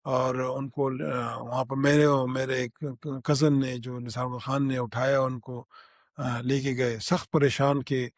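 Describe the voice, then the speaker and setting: An older man from Pakistan, giving an eyewitness recollection in a halting way, with restarts and fillers. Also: medium pitch, level tone, dry recording, studio quality. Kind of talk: spoken recollection.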